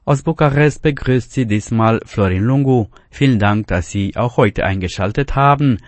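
A man's voice: mid-range voice, moderate pace, no room sound. A man presenting a scripted radio programme as its host. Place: dry radio studio.

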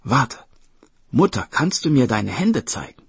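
A man's voice: medium pitch, very animated, a little slow, gravelly, slightly rough, dry recording, heavily acted. A man voicing a cautious, clever boy who keeps asking questions. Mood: wary. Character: wary, clever boy, the older brother.

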